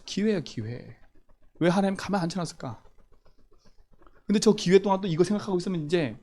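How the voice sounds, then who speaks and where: A man delivers a sermon in a church. His voice sits high and leaps up and down in pitch. He hammers key phrases and keeps asking the listeners questions. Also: darkish tone. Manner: emphatic, repeats key phrases, asks the congregation questions. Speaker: pastor.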